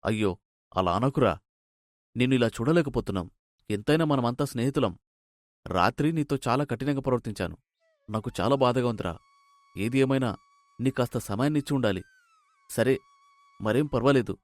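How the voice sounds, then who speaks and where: A man voicing a remorseful village friend in an animated storybook, speaking in an earnest, apologetic way. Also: mid-range voice, normal speed, pauses often, dry recording, clean studio sound, close to an everyday voice. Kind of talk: storybook voice acting.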